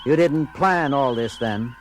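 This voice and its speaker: A man's voice: mid-range voice, unhurried, noisy background, lightly acted. A man playing a commanding, urgent and blunt starship captain in a science fiction audio drama, with an authoritative, clipped delivery. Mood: confrontational. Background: loud dramatic music.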